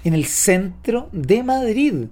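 A man's voice: high voice, sing-song, slow pace, a little mellow. A young man with a Chilean accent, joking and boasting in slangy improvised comedy banter. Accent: Chilean Spanish. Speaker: comedy cast member.

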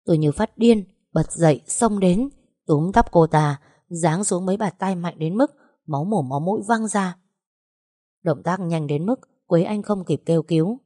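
A woman's voice: fairly low pitch, moderate pace, mellow, no room sound, clean studio sound. A woman narrating a first-person drama story in a vivid, dramatic way.

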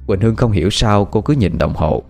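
A man narrating a horror story with expressive, dramatic pacing. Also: fairly low pitch, a little fast. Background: faint music.

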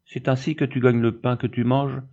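A man voicing an angry rough peasant farmer who scolds in blunt country speech. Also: mid-range voice, little pitch movement, moderate pace, warm tone, muffled recording, pitched above the performer's own voice, natural voice. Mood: scolding.

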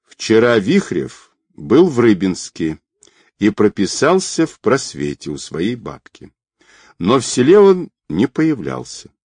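A man voicing a terse male bodyguard in an audiobook, reporting news flatly. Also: fairly low pitch, slow, husky, dry recording, studio quality, heavily acted.

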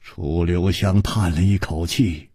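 A man's voice: deep voice, fairly even intonation, slow, a little mellow, slightly rough, dry recording, studio quality. A male storyteller narrating a martial-arts tale in a dramatic, swooping delivery. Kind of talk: Chinese long-form storytelling broadcast.

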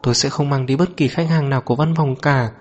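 A man voicing a calm, weary young wife in an audio novel, speaking in a measured, composed way. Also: mid-range voice, close to an everyday voice. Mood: calm, resigned.

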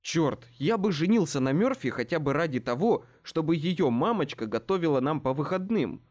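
A man narrates an audiobook in the first person, wry and expressive. His voice sits fairly high and moves a great deal. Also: moderate pace.

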